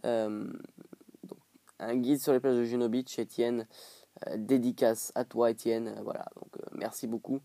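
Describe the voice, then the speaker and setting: A man's voice: mid-range voice, little pitch movement, normal speed, gravelly, dark tone, no room sound. Rambling, jokey man in dry sound. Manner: rambling and jokey, with hesitant fillers; plays with silly put-on accents. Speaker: gaming video creator. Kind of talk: casual gameplay commentary.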